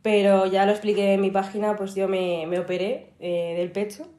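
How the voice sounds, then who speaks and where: A woman's voice: mid-range voice, fairly even intonation, moderate pace, warm tone. Chatty young woman, echoey room. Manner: chatty, filler-heavy. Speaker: guest. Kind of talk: casual podcast chat.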